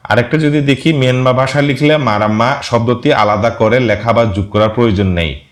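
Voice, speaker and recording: A man reading viewer comments aloud in casual commentary, pausing often and spelling words out syllable by syllable. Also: medium pitch. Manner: reads slowly, spells out words syllable by syllable, frequent hesitations.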